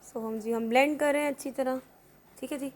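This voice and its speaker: A woman's voice: high-pitched, fairly even intonation, a little fast. A woman hosting a casual makeup tutorial, chatty and often checking in with "okay". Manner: chatty, repeats "theek hai" often. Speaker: makeup vlogger.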